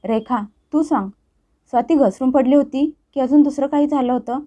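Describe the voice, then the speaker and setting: A woman's voice: high-pitched, normal speed, dark tone, lo-fi sound. Woman reading as an angry young husband. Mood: stern. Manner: harsh, scolding. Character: stubborn young husband, quick to anger.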